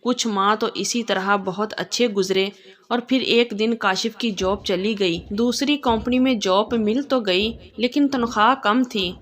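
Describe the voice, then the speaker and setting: A woman storyteller giving steady, gentle scripted narration of a romantic story. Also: medium pitch, measured pace.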